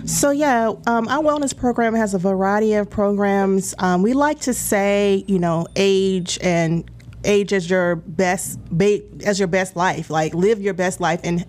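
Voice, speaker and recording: A woman's voice: medium pitch, a little mellow. A woman in her forties, a wellness coordinator on a talk show, explaining her programs in a friendly way with some fillers. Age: 40s. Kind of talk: casual radio talk.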